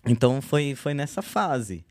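A man in his thirties talks through his life story in an easygoing podcast conversation. He drops slang freely and acts out the voices of the people he quotes. His voice sits at an ordinary pitch, recorded close and dry. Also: measured pace, dry recording. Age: 30s. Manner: relaxed slangy storytelling with lively quoted speech. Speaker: guest artist. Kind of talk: casual podcast chat.

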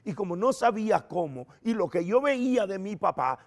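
A middle-aged man, a preacher, telling his personal testimony in an earnest, animated storytelling manner. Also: high-pitched, normal speed.

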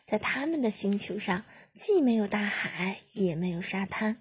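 A woman narrating a children's storybook in a gentle, expressive way. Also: mid-range voice, normal speed, slightly rough.

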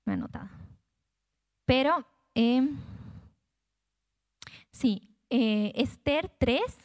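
High-voiced woman teaching the Bible. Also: animated, very slow, dry recording, studio quality. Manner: conversational, retells scripture in her own words.

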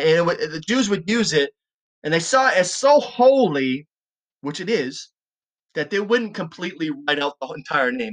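A man teaching the Bible on a podcast, reading verses slowly and deliberately, then explaining them in a conversational way, often checking in with "okay?". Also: fairly high pitch, fairly bright tone.

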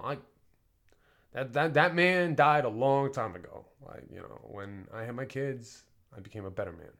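A man hosting a podcast delivers a casual personal monologue packed with swearing and filler words. His mid-range voice drops to soft mumbles, then rises into loud, emphatic bursts.

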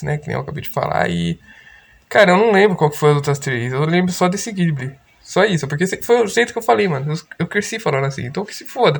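A man's voice: a little high, creaky, fairly bright tone. A young man with a Brazilian Portuguese accent hosting an unscripted podcast alone, rambling in loose slang and swearing freely. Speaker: podcast host. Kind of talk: unscripted casual monologue.

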